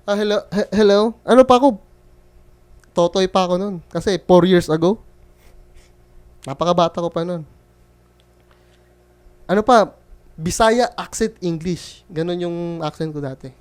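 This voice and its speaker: A man's voice: high voice, normal speed, long pauses, darkish tone, clear, resonant tone. A young man from the Philippines, a freelance bookkeeper telling a story in a casual, joking vlog style. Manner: chatty, joking storyteller who quotes others.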